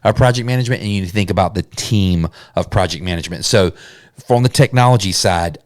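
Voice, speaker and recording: A man's voice: deep voice, fast talker, no room sound, clean studio sound. A man hosting a solo business podcast, talking in an earnest, conversational way and sometimes restarting his sentences. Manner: earnest, conversational, with self-corrections. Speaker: podcast host.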